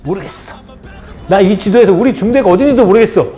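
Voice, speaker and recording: Animated man telling an army story. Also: sits high, fast, faint music behind. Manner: animated, acts out dialogue of others. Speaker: former army officer sharing advice.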